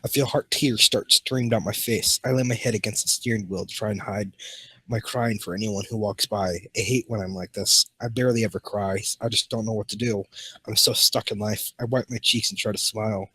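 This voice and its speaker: A man's voice: lowish voice, fairly even intonation, a little fast, sharp tone, slightly rough, dry recording. A man hosting a comedy show, reading fan fiction aloud and often tripping over words and restarting.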